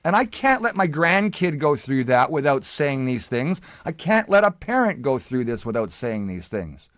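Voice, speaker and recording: A man's voice: medium pitch, big pitch swings, normal speed, a bit bright, no room sound, studio quality. A man hosting a talk show, arguing bluntly and emphatically, stumbling over repeated words when worked up. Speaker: podcast host. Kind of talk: heated conversational argument.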